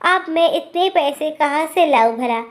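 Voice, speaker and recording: Woman doing a fed-up husband, high voice, slow, grumbling at his wife. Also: animated. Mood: exasperated. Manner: exasperated, scolding. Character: exasperated young village husband.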